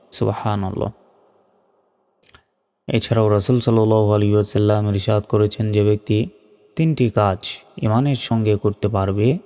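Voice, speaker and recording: A man teaching Quran pronunciation, spelling out each Arabic letter and vowel mark, then chanting the verse slowly. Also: on the low side, warm tone, long reverb tail.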